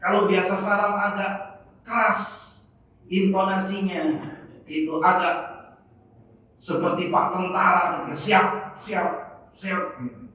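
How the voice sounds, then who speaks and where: High, slow-talking preacher in echoey mosque. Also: male voice, flat delivery, pushed and bright. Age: 50s. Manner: playful, question-and-answer with congregation. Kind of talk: sermon. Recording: echoey mosque from far off, faint noise.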